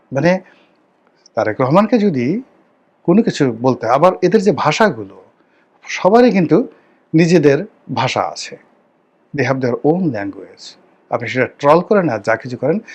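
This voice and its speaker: A man's voice: on the high side, darkish tone. A man commenting on a political talk show, speaking emphatically with rhetorical questions and English phrases mixed in.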